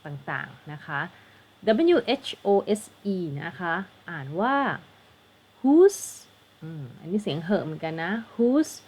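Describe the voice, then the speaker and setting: A woman's voice: low voice, a little slow, slightly rough, lo-fi sound. A woman with a Thai accent, an English teacher tutoring for an exam, patiently explaining and spelling words out letter by letter.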